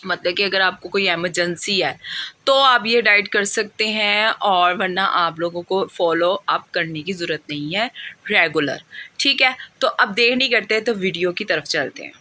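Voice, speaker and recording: Woman vlogger, bright forceful voice, chatty and repetitive, addresses viewers directly. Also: fairly low pitch, normal speed. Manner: chatty, repeats words and restarts, often asks viewers "okay?". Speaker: YouTube vlogger. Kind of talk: casual vlog talk to viewers.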